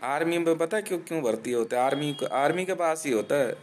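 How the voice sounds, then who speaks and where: A man's voice: on the high side, expressive, fast, a little hiss or hum. A man from India delivering a profane ranting monologue, aggressive and taunting, swearing constantly and laughing between threats.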